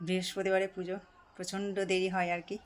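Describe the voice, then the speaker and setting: A woman's voice: mid-range voice, completely flat delivery, quick pace. A middle-aged woman, chatting casually to her phone camera as she cooks at home. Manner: chatty, running commentary while cooking. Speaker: vlogger, mother cooking at home. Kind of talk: casual home cooking vlog. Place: home kitchen, indoors. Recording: echoey kitchen with faint frying noise.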